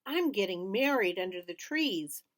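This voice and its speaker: A woman reading aloud, voicing a cheeky little boy in a high, singsong, teasing voice. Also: animated, unhurried, fairly bright tone.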